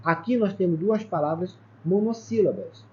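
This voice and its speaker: A man's voice: high voice, normal speed, dark tone. A man with a Brazilian Portuguese accent teaching an exam-prep lesson at a whiteboard. He explains step by step, counts letters aloud and keeps checking with "tá?" and "ó". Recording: slightly dull sound with faint background noise.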